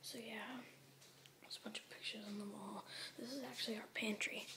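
Teen girl, hushed whispered home-tour vlog, hesitant and rambling; noisy phone recording. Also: a little high, steady tone, moderate pace. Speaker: vlogger giving a home tour. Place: house at night, family asleep.

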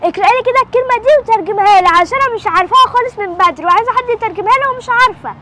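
A woman's voice: extremely high pitch, racing, background noise. A young woman with an Egyptian accent playing a studious, preachy schoolgirl sister who lectures eagerly. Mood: scolding.

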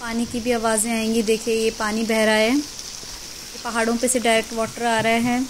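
This travel vlogger's voice sits on the high side and stays monotone, though she cheerfully points out the sights to viewers while walking a mountain trail near a waterfall. The outdoor phone audio is full of rushing water noise.

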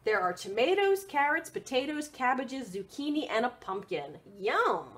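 Highly animated and expressive, this female children's librarian uses a higher register and normal speed for a picture-book read-aloud, drawing in the little listeners with questions.

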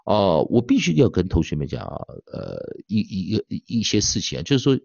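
A man teaching pronunciation in an online lecture, his low voice swooping up and down with energy. He sprinkles drawn-out filler particles between phrases and stretches demonstration words slowly. The sound is dull and lo-fi, close and dry. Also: big pitch swings, gravelly, darkish tone, breathy edge, no room sound. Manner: drawls out demo words slowly and repeatedly.

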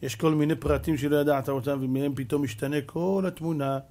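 Male rabbi, sermon, gravelly and slightly high, animated storyteller. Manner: animated storytelling, acts out dialogue; addresses audience as "gentlemen". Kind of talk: sermon, Torah lesson.

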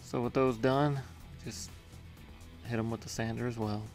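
This home workshop maker's mid-range voice is a little mellow, with fairly even intonation and normal speed, and soft music plays behind it. In a casual voice-over about his own build, he explains each step plainly, with small hesitations.

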